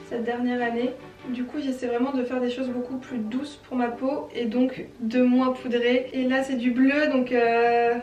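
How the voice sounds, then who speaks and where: Chatty french girl doing a makeup tutorial, high voice, roomy and a bit far off, faint music. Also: a little mellow. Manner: chatty, self-deprecating, explains each step. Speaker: beauty vlogger.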